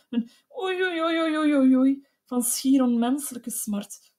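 A woman narrating an audiobook of classic literature in a steady, measured storytelling voice. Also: on the high side.

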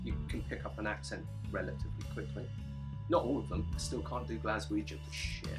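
A man's voice: on the low side, fairly even intonation, brisk. Man, live stream host, casual banter, laughs a lot, guitar music behind. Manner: joking, laughs often, swears casually. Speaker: livestream host. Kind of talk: casual chat, reading viewer questions.

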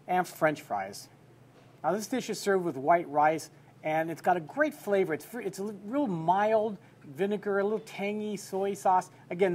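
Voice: mid-range voice, a little mellow, breathy edge. A food show host narrating a restaurant review as a voice-over in an enthusiastic, folksy way, who keeps calling dishes delicious.

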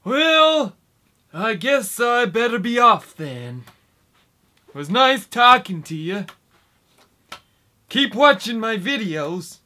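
A twenty-year-old man rambling in a comic vlog, talking slowly and haltingly with long pauses, as if doddering, in a small room at a desk microphone. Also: very high voice, big pitch swings, sharp tone. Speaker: YouTuber. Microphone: desk microphone in front.

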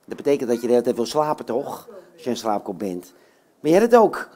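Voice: mid-range voice, sing-song, fast talker, mellow. Coaxing puppeteer talking to children. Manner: friendly, coaxing, asks many questions. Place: bookshop, indoors.

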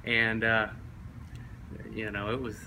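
Bright-voiced man telling stories. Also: level tone, takes it slowly, a little hiss or hum, poor audio. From East Tennessee. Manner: laughing anecdotes, bursts into high mimicking of his coach. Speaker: former college football player, guest. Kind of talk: casual storytelling interview.

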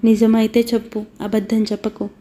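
An anxious, earnest uncle figure who keeps pressing for the truth, read by a woman narrator. The pitch barely moves, and the tone is mellow and darkish, like a storybook read aloud. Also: completely flat delivery, moderate pace, close to an everyday voice. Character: anxious older male guardian, uncle figure.

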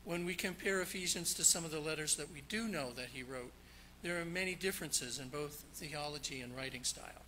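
Man, preacher, sermon, very bright voice, faint room noise. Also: a little high, a little fast, few pauses, poor audio. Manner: jokey, storytelling, then explanatory. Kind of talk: sermon with jokes. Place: church sanctuary.

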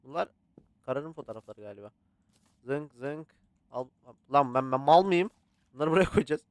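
A man casually commentating a horror photography game, swearing and yelling at scares between calm muttering. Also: on the high side, normal speed, dry recording. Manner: swears and yells at jump scares, chatty with the game. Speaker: gaming channel host. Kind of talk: casual let's-play commentary.

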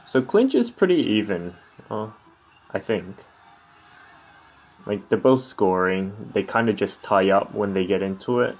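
A man's voice: lowish voice, lively intonation, measured pace, highs cut off. A man giving casual, laid-back reaction commentary on a Muay Thai fight in sparse remarks and short interjections, over background noise. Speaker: fight commentary video creator.

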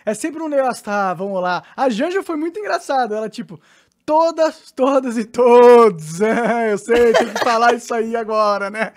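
A woman's voice: fairly high pitch, a little fast, few pauses. A Brazilian woman commentating with heavy sarcasm, exasperated and swearing often. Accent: Brazilian Portuguese. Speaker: podcast commentator.

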